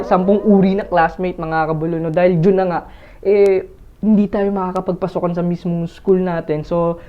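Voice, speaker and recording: A man's voice: sits high, muffled recording. A man vlogging casually, rambling with lots of fillers and restarts while he talks straight to his viewers through an earphone mic. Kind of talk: casual chatty vlog.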